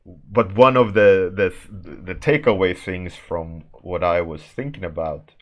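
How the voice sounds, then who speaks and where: Answering chat as he draws during a warmup stream, a man from Sweden speaks with a Swedish accent, rambling with restarts and frequent laughter. His low-pitched voice stays fairly even and a little slow, heard through a muffled recording.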